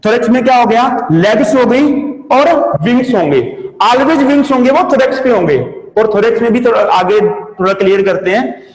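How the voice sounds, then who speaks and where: A man's voice: high voice, lively intonation, measured pace, darkish tone. Guy teaching a class, asks himself questions and answers them, echoey room w long reverb. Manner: explains step by step, asks and answers his own questions. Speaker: agriculture entomology teacher. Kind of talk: classroom lecture. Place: coaching classroom.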